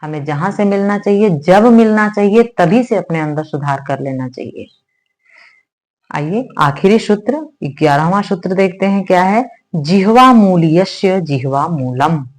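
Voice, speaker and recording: A woman teaching Sanskrit grammar in an online lesson, explaining slowly and repeating sounds for her students to say. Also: lowish voice, animated, darkish tone. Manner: addresses viewers as "beta", asks "hai na?".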